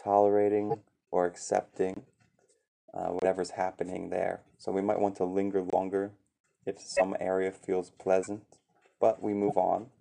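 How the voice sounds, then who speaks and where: A man leading a meditation session in a calm, gentle teaching voice with some fillers. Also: low voice, normal speed, creaky. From USA. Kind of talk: calm guided meditation talk.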